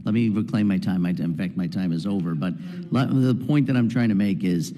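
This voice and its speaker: A man with a mellow, fairly low voice argues his point insistently. The long reverb of a large hearing room surrounds him. He debates a witness across the table. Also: fairly quick. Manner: argumentative, insistent. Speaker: congressman.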